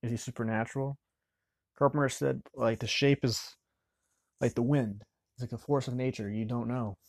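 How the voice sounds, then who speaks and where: A man's voice: medium pitch, fairly even intonation, creaky, dry recording. Rambling man in a dry room. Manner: rambling, halting, restarts mid-sentence. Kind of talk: casual film commentary.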